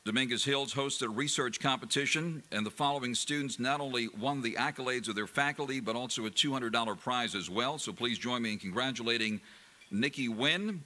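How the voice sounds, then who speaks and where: A man emceeing an event, reading formal introductions in a measured, scripted way. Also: mid-range voice, bright, forceful tone. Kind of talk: scripted announcing.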